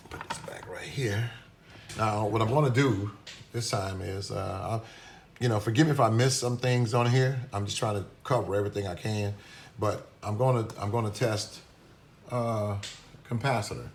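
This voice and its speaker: A man's voice: fairly low pitch, steady tone, moderate pace, a little hiss or hum. A man giving a casual, hesitant hands-on demonstration at a workbench, with many restarts and fillers, recorded on a phone camera. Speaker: product reviewer demonstrating a meter.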